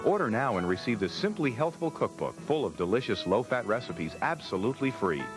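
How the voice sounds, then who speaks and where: A man giving an infomercial sales pitch as a direct-response announcer. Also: sing-song, brisk. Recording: music bed behind voice.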